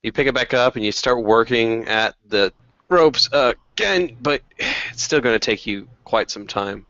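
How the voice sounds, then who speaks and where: A man's voice: mid-range voice, unhurried, no echo. Young man running a tabletop game. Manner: relaxed narration with fillers. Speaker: game master. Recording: dull dry lo-fi recording.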